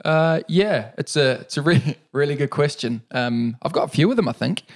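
A middle-aged man with a New Zealand accent, talking casually in an interview, relaxed and rambling with fillers and restarts. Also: on the high side, normal speed. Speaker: interviewee, para-cyclist.

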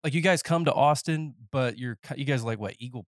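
A man's voice: medium pitch, fast talker, no echo. A man in his thirties chats through a podcast interview with a congested, faintly nasal voice. He wanders off on tangents and cracks jokes as he goes. The sound is dry and close, with no room around it. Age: 30s. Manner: rambling, self-interrupting, joking. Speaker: podcast host. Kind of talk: casual interview chat. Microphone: headphones and podcast mic.

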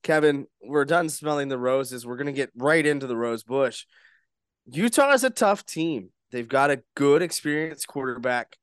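A man's voice: mid-range voice, expressive, normal speed, smooth, no echo, studio quality. A young man hosting a casual sports podcast, talking in loose, rambling sentences full of restarts. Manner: rambling, frequent restarts and fillers. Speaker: podcast host.

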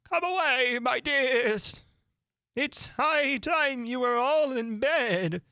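A woman's voice: mid-range voice, little pitch movement, slow, darkish tone, dry recording, clean studio sound, pitched above the performer's own voice, natural voice. A woman voicing a fussy, fluttery bird in a storybook, prim in manner. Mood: trembling. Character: old magpie and trembling canary, fussy mother birds.

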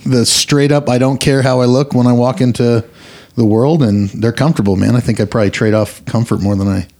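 A man's voice: mid-range voice, fairly even intonation, fairly quick, mellow. A young man from Colorado, a podcast guest, telling stories in an easygoing way with frequent laughs. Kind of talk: casual chat.

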